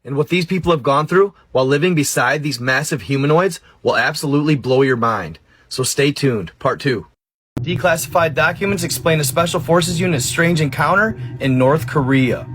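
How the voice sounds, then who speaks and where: A man's voice: a little high, moderate pace, a bit bright, slightly rough. A man narrating eerie legends and strange encounters in a dramatic, suspenseful storytelling manner. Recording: faint music behind.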